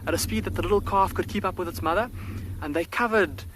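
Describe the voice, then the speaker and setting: A man's voice: high voice, quick pace, fairly bright tone, slight background noise. A man working as a field guide, giving live, enthusiastic wildlife commentary from an open safari vehicle and answering viewer questions. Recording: faint outdoor bush ambience.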